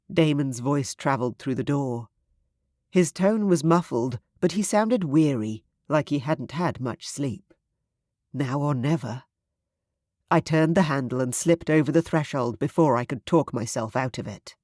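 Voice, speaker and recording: Dry, even audiobook narration voice. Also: medium pitch, dry recording. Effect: synthetic voice. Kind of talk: scripted first-person narration.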